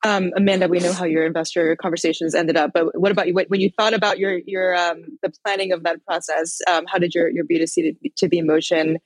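Fast-talking panel moderator, dry sound. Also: medium pitch, little pitch movement, no echo, rough recording. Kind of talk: conversational interview questions.

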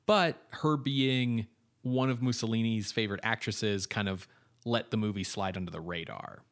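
His voice on the low side and his pace moderate, a man co-hosting a film podcast goes through background notes on the cast and crew. The reading is informative, loosened by casual fillers and asides.

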